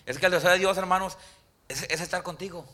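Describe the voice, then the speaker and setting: A man preaching a Spanish-language sermon in church, calling out to the congregation and often asking them questions, slowing down when he quotes scripture. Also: fairly even intonation. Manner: rises in pitch and loudness for emphasis, slows on scripture quotes. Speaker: pastor.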